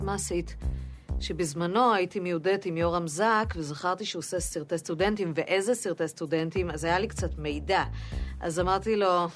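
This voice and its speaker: A female comedian tells a story in a casual, chatty way. Her voice is on the low side, with faint music behind.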